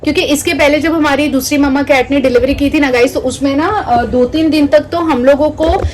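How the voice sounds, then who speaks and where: A high-pitched woman in her thirties talks casually to her viewers. She is chatty and mixes English words into her Hindi, and a faint hum of room noise sits behind her. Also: a little fast, darkish tone. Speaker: vlogger. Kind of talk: casual vlog chat to viewers.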